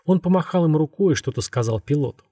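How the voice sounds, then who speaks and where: A man with a husky voice narrating a story in a steady, measured way. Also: on the high side, dry recording, studio quality. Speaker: audiobook narrator. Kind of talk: scripted narration.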